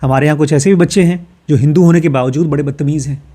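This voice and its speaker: Mellow-voiced man from Uttar Pradesh explaining a book. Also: a little high, steady tone, fast. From Uttar Pradesh, India. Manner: reads English passages, then explains them in plain conversational terms; uses everyday personal examples to explain. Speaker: course teacher. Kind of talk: explaining a self-help book.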